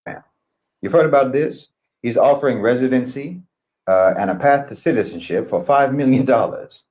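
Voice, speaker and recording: A man's voice: mid-range voice, normal speed, a little mellow. A man giving sardonic political commentary.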